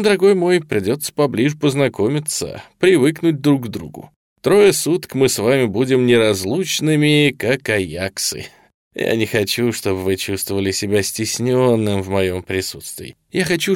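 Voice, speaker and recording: A man reading an audiobook, voicing a sly male colonel interrogator who talks smoothly and with false cordiality. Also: medium pitch, no echo, clean studio sound, pitched above the performer's own voice, close to an everyday voice. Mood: falsely cordial. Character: sly, ingratiating middle-aged male Soviet colonel interrogator.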